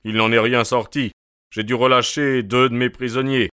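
A man's voice: medium pitch, level tone, moderate pace, sharp tone, clear, resonant tone, dry recording, studio quality, lightly acted. A man playing a bluff, hearty police inspector. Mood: jovial. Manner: bluff, jovial.

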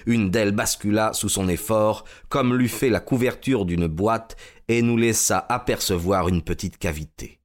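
An actor narrating a detective case as the detective's male companion, in a measured storytelling way. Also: fairly low pitch, lightly acted. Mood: calm. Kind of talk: scripted narration.

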